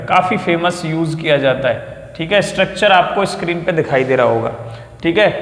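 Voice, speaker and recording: Male chemistry tutor, high voice, repeats terms, checks in with students; echoey classroom with a long tail, mic off at a distance. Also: fairly bright tone. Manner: repeats key terms, calls students "beta", checks understanding often. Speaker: chemistry teacher. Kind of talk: classroom lecture at a whiteboard. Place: classroom or studio with a whiteboard. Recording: echoey room with long reverb.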